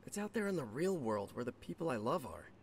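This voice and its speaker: An actor playing a young, nervous and quippy male superhero in a video game, joking fast with his voice jumping up and down. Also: sing-song, a little hiss or hum. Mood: chatty. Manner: jokey, fast and playful, voice jumping high and low.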